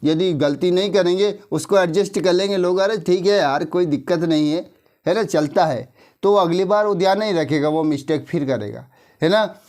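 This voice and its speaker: A man's voice: sits high, a little mellow. A male English teacher from India giving a grammar lesson, talking casually, telling a moral story and checking in with his listeners again and again. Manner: conversational, repeats tag questions, slows down to dictate.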